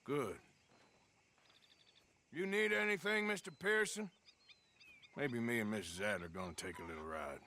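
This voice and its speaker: An actor playing a middle-aged outlaw gunman, gruff and dryly wry. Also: mid-range voice, unhurried, pauses often, bright, forceful tone. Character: weary, dry-humored outlaw gunman, middle-aged man. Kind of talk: video game acting. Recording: noisy game audio.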